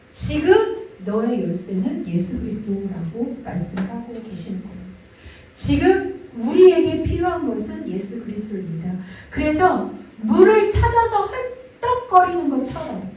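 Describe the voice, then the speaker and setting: A woman pastor preaching a sermon with expressive delivery, speaking prayers aloud as she goes. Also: high voice, normal speed, a little hiss or hum. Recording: echoey hall from a distance.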